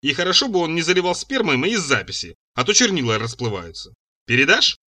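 A man's voice: a little high, sing-song, brisk, pushed and bright, no echo, exaggerated voice. A man voicing a blunt, fierce young woman scientist who snaps indignant retorts, in an audiobook reading. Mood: firm.

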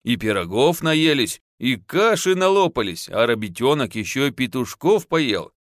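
A man voicing a gruff, mocking peasant husband who talks bluntly. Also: mid-range voice, very animated, normal speed, dry recording, clean studio sound, lightly acted.

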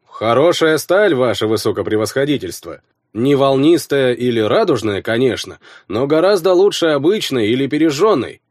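Appraiser, male reader, slow, formal, businesslike, dry close sound. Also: medium pitch, animated, no echo, close to an everyday voice.

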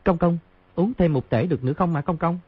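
A man voicing a curt, sharp young palace eunuch in a story reading. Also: on the high side, quick pace, slightly rough, dry recording, phone-quality sound, voice pushed up. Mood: anxious. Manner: sharp and scolding.

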